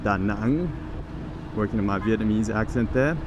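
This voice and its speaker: Riding a motorbike through city traffic, a vlogger who founded a teaching program chats casually to the camera, thinking aloud and restarting his sentences. His voice is fairly low and moderately paced, the audio sounds dull, and traffic noise runs behind him.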